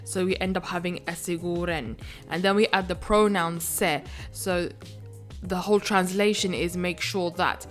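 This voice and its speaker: A woman's voice: on the low side, steady tone, normal speed, faint music behind. Methodical woman teaching a language lesson. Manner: methodical, breaks phrases down step by step. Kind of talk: explanatory video lesson.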